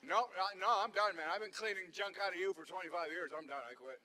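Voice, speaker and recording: A man's voice: sits high, fast talker, pushed and bright, a little hiss or hum. A man voicing his own liver as a worn-out, fed-up male organ that bluntly complains it is quitting, in a stand-up routine.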